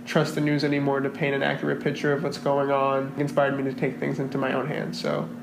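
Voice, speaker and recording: A young man in his twenties, a guest in a remote interview, telling his story in an earnest, steady way. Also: mid-range voice, fairly quick, vocal fry, echoey room, background noise. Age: 20s.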